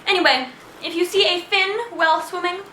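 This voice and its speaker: A woman's voice: extremely high pitch, brisk, pushed and bright, slight background noise. An actress playing a haughty, prim young woman who speaks in stiff, formal phrases and turns indignant easily. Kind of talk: comedy web series acting.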